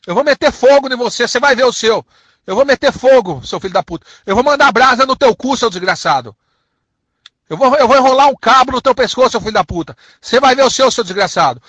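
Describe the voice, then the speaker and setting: In a muffled-sounding, dull recording with no room sound, a São Paulo man rants in his local Portuguese, hurling insults and repeating long, drawn-out threats. His voice is extremely high and animated, with a fairly bright tone. He's from São Paulo, Brazil, and comes across as thoroughly aggressive.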